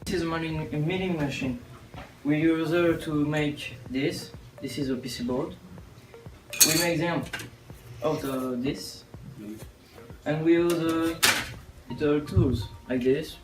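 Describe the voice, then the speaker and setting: A man with a French accent shows off a machine in a slightly raised voice, pausing and filling gaps as he goes. He is recorded from a distance in an echoey workshop. Loud music plays over him. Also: a little high. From France. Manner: halting, many fillers. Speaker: student. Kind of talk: demonstrating a machine.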